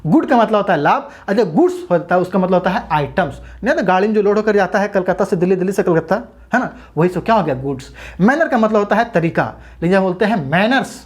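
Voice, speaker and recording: Speaking in a fairly low voice, a woman runs an English grammar class aimed at exam takers. She addresses the audience as brothers and sisters and supplies the answers to her own questions.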